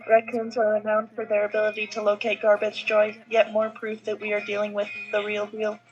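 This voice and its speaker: Woman doing a very monotone, earnest robot. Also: medium pitch, brisk, natural voice. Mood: curious, earnest. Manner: flat monotone, formal and precise wording. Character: literal-minded, earnest robot, a soulless automaton. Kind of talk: reading a video game role aloud. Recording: slightly dull audio, music behind.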